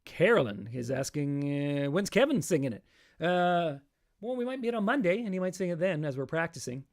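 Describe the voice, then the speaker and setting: Hosting a live stream between songs, a middle-aged man chats in a rambling, self-deprecating manner. His voice is raspy and worn from practice, on the high side and very animated, at a moderate pace.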